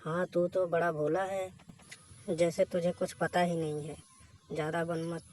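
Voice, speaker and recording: A man's voice: on the high side, level tone, unhurried, darkish tone, slight background noise, close to an everyday voice. A man voicing a bold, teasing young married woman in a read-aloud story, with a bossy manner.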